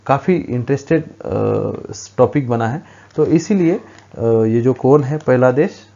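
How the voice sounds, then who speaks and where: A man gives an exam-prep current affairs lesson, talking through quiz questions at a board and often pausing with hesitant fillers. His voice sounds mellow and dark. The recording is dull and lo-fi. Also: mid-range voice, gravelly. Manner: explains at a board, frequent hesitations.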